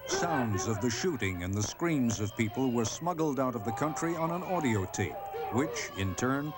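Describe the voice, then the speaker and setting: A man narrating a television news documentary in a measured, solemn scripted delivery. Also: medium pitch, expressive.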